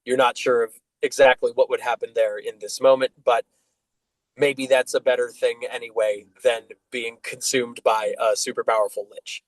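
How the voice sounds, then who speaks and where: A man narrating as dungeon master in a tabletop game, relaxed and loose with many fillers. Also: mid-range voice, normal speed, no echo, low-quality recording.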